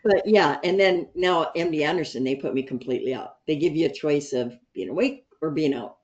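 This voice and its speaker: A woman telling a lively story in a support group over a video call, acting out what people said. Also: deep voice, brisk. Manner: animated, acts out quotes. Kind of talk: casual storytelling. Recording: dull video call audio.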